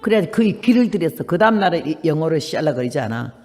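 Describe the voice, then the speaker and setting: A woman in her eighties, a missionary preacher, giving an animated sermon that acts out dialogue and presses emphatic rhetorical questions. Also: deep voice, rapid-fire. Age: 80s. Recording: long hall reverb.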